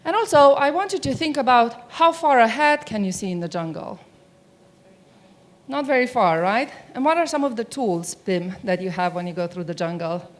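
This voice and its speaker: On a big conference hall stage, a middle-aged woman from Romania delivers a keynote through the stage microphone. Slightly high-pitched and expressive, she moves at a moderate pace, chatting easily and frequently asking her listeners questions.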